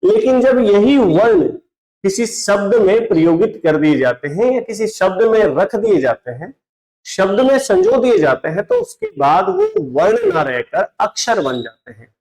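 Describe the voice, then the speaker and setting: High-voiced Hindi grammar teacher. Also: male voice, sing-song, a little slow, darkish tone, low-quality recording. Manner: repeats questions and answers them himself, addresses students as brother; mixes English words into Hindi. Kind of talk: classroom-style online lesson.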